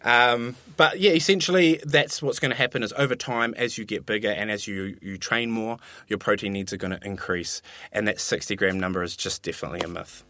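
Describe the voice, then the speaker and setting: Low-pitched man explaining casually. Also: steady tone, brisk, pushed and bright, no echo. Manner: plain-spoken, informal, explains in simple analogies. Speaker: nutrition expert on a podcast. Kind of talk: casual explanatory podcast talk.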